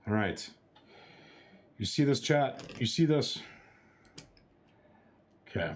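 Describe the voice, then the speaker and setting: A young man on a charity livestream talks casually with his chat, playfully exclaiming as he narrates each step of a chopsticks challenge. He speaks slowly in an expressive, medium-pitched voice.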